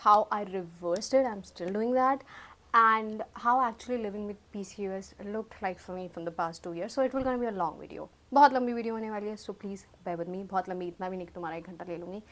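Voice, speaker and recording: A woman's voice: mid-range voice, takes it slowly, a bit bright. A young woman, chatting casually to camera. She fumbles her words and laughs at herself. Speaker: YouTube vlogger. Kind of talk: casual chat to camera, mixing Hindi and English.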